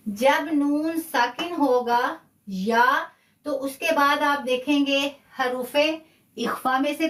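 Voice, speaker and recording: A woman's voice: high voice, fairly bright tone, reverberant, distant mic. A woman with a Pakistani Urdu accent, patiently teaching a live online Quran recitation lesson, repeating key points and praising her students' answers.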